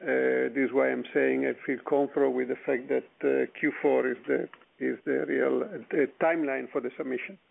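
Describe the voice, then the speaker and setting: A man, a company executive, answering analyst questions on a conference call in a measured, hesitant way. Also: medium pitch, level tone, gravelly. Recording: tinny phone line.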